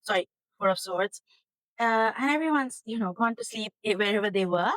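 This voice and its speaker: A woman's voice: mid-range voice, a little fast, fairly bright tone, no room sound, rough recording. A woman hosting her own tarot channel, chatting casually to camera from her kitchen in an earnest, rambling way that turns emotional. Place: home kitchen.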